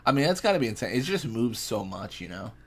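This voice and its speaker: A man's voice: mid-range voice, sing-song, fast talker. A young man casually chatting and reacting while streaming a fishing game, laid-back and rambling as he answers chat.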